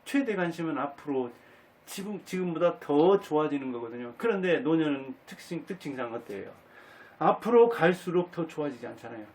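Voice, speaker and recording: A man gives a monologue lecture, his pitch rising and falling with lively swings. He presses his points with rhetorical questions and emphatic repetition. His voice sounds slightly distant from the microphone. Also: brisk. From Jinan, Jeolla, South Korea. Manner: emphatic, asks rhetorical questions and repeats key words. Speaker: channel host giving a life talk. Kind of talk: monologue lecture on happiness in old age.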